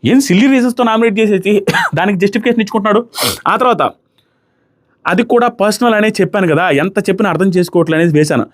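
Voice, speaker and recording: Fast-talking man reviewing a show. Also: sits high. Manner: fast animated retelling, acting out quotes. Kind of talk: casual commentary.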